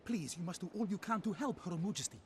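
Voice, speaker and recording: A woman's voice: on the low side, lively intonation, fast talker, a little hiss or hum, natural voice. A woman voicing a fretful, formal royal advisor in a video game. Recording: game audio with faint ambience.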